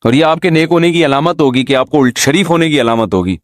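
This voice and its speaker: A man's voice: on the high side, no room sound, clean studio sound. A man giving an informal, humorous religious talk, often throwing rhetorical questions at his listeners. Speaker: Islamic scholar giving a talk.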